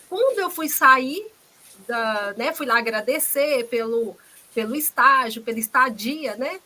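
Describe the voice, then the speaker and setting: Bright, high Brazilian woman telling her career story. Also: rough recording. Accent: Brazilian Portuguese. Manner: earnest, restarts and hesitations. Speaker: guest speaker, biologist. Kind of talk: conversational talk about her career.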